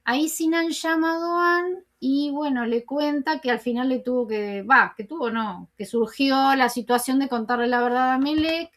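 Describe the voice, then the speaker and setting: A woman's voice: high-pitched, moderate pace, hardly any pauses, a bit bright. A woman recapping a TV episode in a chatty way, full of fillers and asides. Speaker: YouTuber recapping Turkish TV episodes. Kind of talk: casual spoken episode recap.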